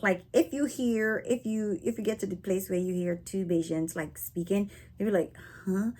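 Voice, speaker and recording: Barbadian woman, husky, chatty vlogger who tags lines with "right?". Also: mid-range voice, steady tone, normal speed, a little mellow. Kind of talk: casual talk to camera. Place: living in North America.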